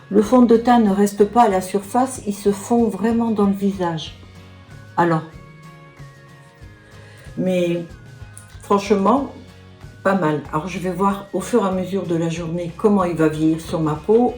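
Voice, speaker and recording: Her voice sits on the low side with a darkish tone: a woman in her sixties doing a casual makeup tutorial and product review as a beauty vlogger. She chats along with small asides, filling gaps with "hein" and "voilà".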